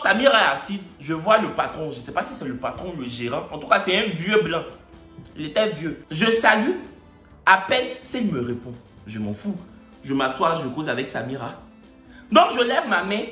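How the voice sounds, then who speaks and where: A man from Côte d'Ivoire telling a story in casual, lively storytime style, in an echoey room with faint music. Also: fairly high pitch. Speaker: storyteller vlogger.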